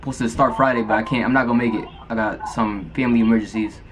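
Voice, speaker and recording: A man's voice: lowish voice, fairly even intonation, quick pace, loud music behind the voice. A young man speaking in a casual, slangy, informal way, as in a prank-call vlog recorded indoors. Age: young adult. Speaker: prank caller and vlogger. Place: indoor room at home.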